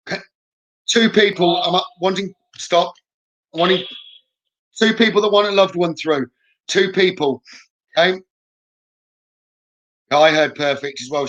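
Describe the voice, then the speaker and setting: A man's voice: sits high, a bit bright, highs cut off. A man working as a medium on a live stream, calling out short, repeated questions and instructions to spirits and viewers.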